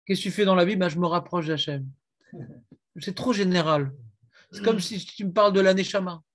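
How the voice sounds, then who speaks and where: A man's voice: high voice, brisk, a bit bright. A man teaching a Talmud class, questioning and prodding his students.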